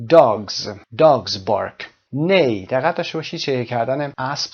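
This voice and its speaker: A man teaching English from a textbook, explaining in one language and reading English examples slowly and carefully. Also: medium pitch, dull audio.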